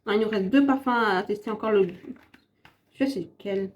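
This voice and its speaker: A woman's voice: mid-range voice, brisk. A French woman vlogging a casual makeup and perfume review, chatty and rambling, often correcting herself. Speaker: beauty vlogger.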